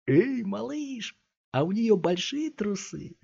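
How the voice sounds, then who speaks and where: A man voicing a crude, lustful young hoodlum with a slow leering drawl. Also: high-pitched, big pitch swings, vocal fry, warm tone, husky, pitched above the performer's own voice, full character voice. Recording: dull lo-fi audiobook recording.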